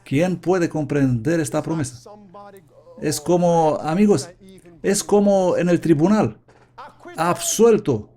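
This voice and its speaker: A man's voice: on the high side, slow, pauses often, mellow. A man preaching a sermon, earnestly confessing and repeatedly questioning his congregation.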